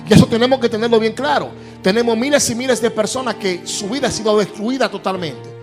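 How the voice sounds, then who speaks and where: A man's voice: high voice, quick pace, music in the background. A man with a Caribbean Spanish accent preaching a Pentecostal sermon as a pastor, in an emphatic, declamatory manner with repeated phrases.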